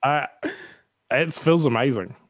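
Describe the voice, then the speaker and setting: A man's voice: medium pitch, a little slow, dry recording. A man co-hosting a casual chat, rambling and joking and laughing often.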